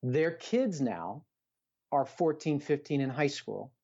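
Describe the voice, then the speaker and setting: Here the middle-aged podcast guest and coach sounds animated yet slow, with a warm mid-range voice captured in lo-fi quality. He repeats phrases and asks rhetorical questions in an earnest, emphatic, conversational motivational manner.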